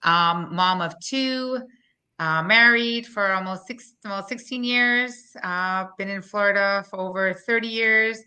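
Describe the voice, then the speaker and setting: A Guyanese woman in her forties, a business owner, gives an interview that doubles as a promotional pitch. Her mid-range voice is bright and forceful, and she talks bluntly, emphatically and fast.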